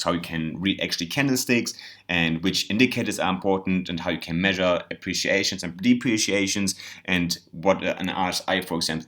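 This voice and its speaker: A German man, a native German speaker with a German accent, gives a casual crypto vlog monologue that rambles and sounds earnest. His voice is low and a bit bright, and he repeats words and keeps saying "you know."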